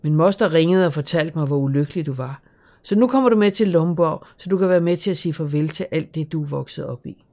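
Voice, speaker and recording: A man's voice: fairly high pitch, darkish tone, natural voice. A kindly narrator reading middle-aged father. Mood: tender. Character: gentle caring father, middle-aged man. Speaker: audiobook character.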